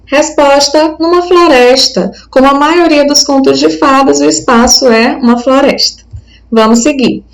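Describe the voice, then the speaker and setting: Patient high-voiced Brazilian woman teacher. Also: fairly even intonation, unhurried, low-quality recording. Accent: Brazilian Portuguese. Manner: patient and explanatory, with frequent checks like "tá?". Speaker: Portuguese teacher. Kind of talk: recorded video lesson.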